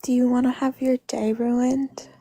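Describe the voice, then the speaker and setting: A woman in a casual chat speaks a little high with a mellow, warm tone. She makes dry, wry comments. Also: little pitch movement, measured pace, vocal fry, faint music behind.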